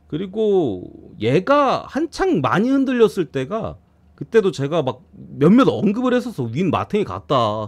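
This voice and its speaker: A man giving a casual streamed preview of baseball games, blunt and quick to swear and grumble. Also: sits high, darkish tone, slightly rough. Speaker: baseball betting analyst streamer.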